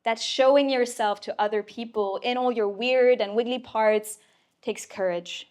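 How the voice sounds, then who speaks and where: A woman's voice: fairly high pitch, steady tone, a little slow, darkish tone. Playful, emphatic woman giving an inspirational talk. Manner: playful, emphatic, casual swearing. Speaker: speaker at a mentoring community event. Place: event room before a live audience.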